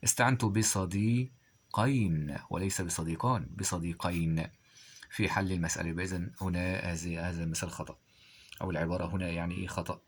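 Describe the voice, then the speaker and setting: A man with a deep, steady voice teaches a grammar lesson, reading example sentences slowly before posing quiz questions and answering them himself.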